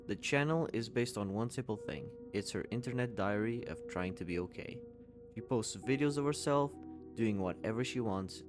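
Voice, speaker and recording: A man in his twenties giving a candid, conversational commentary voice-over and swearing casually. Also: on the low side. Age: 20s. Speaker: YouTube commentator.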